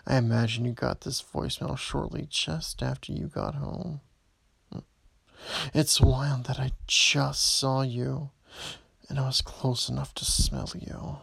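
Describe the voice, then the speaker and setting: A man playing a menacing, possessive stalker in an audio roleplay, speaking low and taunting, often dropping to a whisper. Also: steady tone, gravelly, fairly bright tone, slightly rough, no echo, exaggerated voice. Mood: threatening. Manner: slow, low, taunting delivery with frequent whispers. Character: menacing adult male stalker, predatory and possessive.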